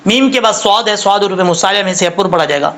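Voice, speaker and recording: A man teaching Quran recitation, patiently explaining pronunciation step by step and slowly modeling each sound. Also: sits high, a bit bright, rough recording.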